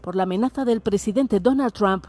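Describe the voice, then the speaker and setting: A woman narrating a news report in a steady, formal way. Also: medium pitch, brisk.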